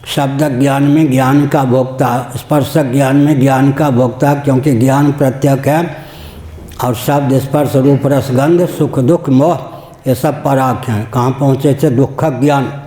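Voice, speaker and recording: A man's voice: medium pitch, steady tone, a little slow, warm tone. Older man teaching in an echoey hall. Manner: anecdotal, teasing, laughs while explaining. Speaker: spiritual teacher. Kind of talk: religious discourse.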